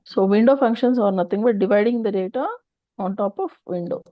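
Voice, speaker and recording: A woman's voice: mid-range voice, brisk, no room sound. South Indian woman teaching, dull dry audio. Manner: explains step by step with repeated rhetorical questions. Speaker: data engineering instructor. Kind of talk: informal technical lesson.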